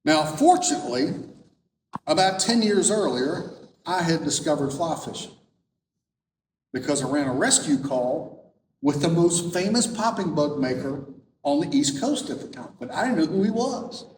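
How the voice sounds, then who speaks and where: A middle-aged man with a slightly high voice tells stories to an audience and slips into the voices of the people he quotes. He sounds far from the microphone, and his voice rings through a large hall with a long echo. A faint low rumble sits underneath. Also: moderate pace. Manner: lively storyteller who acts out quoted dialogue. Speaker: author giving a talk. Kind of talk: storytelling presentation.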